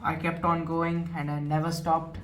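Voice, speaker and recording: A man's voice: fairly high pitch, completely flat delivery, normal speed. A nineteen-year-old man with an Indian English accent, earnestly retelling his experience in a personal vlog. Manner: earnest, retelling, repeats himself. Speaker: vlogger. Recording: distant mic with music behind. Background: background music.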